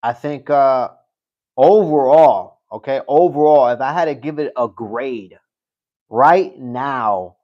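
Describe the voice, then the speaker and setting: This livestream host talks slowly in a mid-range voice, captured with lo-fi sound. His casual commentary wanders, circles back on itself, and includes the occasional curse.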